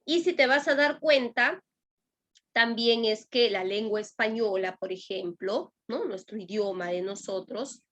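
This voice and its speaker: Slow, patient Peruvian woman teacher. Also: fairly high pitch, fairly bright tone. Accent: Lima Peruvian Spanish. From Peru. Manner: addresses students directly, with frequent "¿no?" and "¿ya?" checks. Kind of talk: explanatory class lecture.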